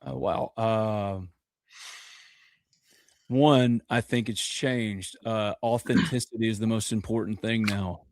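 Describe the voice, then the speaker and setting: A man in his thirties, a podcast guest telling loud animated stories in casual chat, laughing often. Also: lowish voice, slow, no echo, clean studio sound. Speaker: podcast guest, sports commentator.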